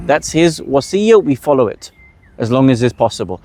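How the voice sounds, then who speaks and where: A man's voice: medium pitch, sing-song, normal speed, darkish tone, a little hiss or hum. A man leading a religious workshop, explaining rules and asking the audience rhetorical questions before answering them. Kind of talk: explanatory teaching talk.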